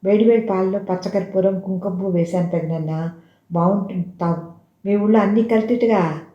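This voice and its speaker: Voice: mid-range voice, steady tone, a little fast, warm tone, roomy sound, muffled recording, natural voice. A narrator voicing a defiant mouthy teenage girl. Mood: coaxing. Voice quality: drawling, mocking. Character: defiant sharp-tongued 13-year-old girl.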